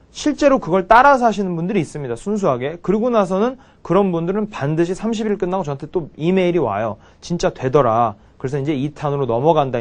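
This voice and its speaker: A man with a slightly high, lively voice teaches English grammar. He drills English example sentences slowly and over and over. Between drills he talks in a blunt, chatty way. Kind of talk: spoken English lesson with drills.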